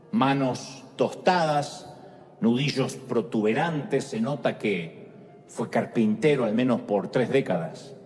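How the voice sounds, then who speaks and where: A man preaching a sermon, telling a vivid story that swings between hushed and loud passages. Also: a little high, in a large hall.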